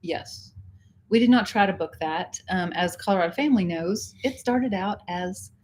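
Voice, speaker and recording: A woman's voice: mid-range voice, normal speed. A woman co-hosting a casual cruise livestream from home, chatty and giggly with many fillers. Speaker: co-host of a cruise channel livestream. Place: home indoors.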